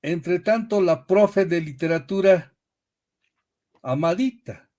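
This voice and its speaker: A man's voice: high voice, takes it slowly, a little mellow. A man interviewing casually, prompting a guest with short remarks and follow-up questions.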